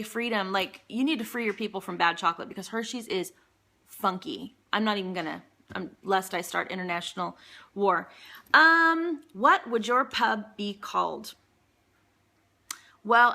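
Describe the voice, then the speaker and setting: A woman's voice: medium pitch, pushed and bright. A woman vlogging in casual chat, rambling along with frequent ums and asides as she answers a list of questions.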